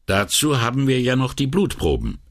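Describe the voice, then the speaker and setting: A man's voice: medium pitch, huge pitch swings, moderate pace, no echo, pitched above the performer's own voice. A man voicing a wry veteran police inspector who makes dry, sardonic remarks. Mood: matter-of-fact.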